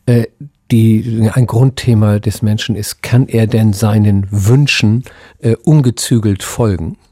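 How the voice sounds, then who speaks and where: A middle-aged man with a lowish, mellow and husky voice explains things as an expert interview guest. He is thoughtful and halting, often pausing in the middle of a phrase as he builds his point. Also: fairly even intonation, no echo, clean studio sound. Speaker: psychoanalyst and academy president, interview guest.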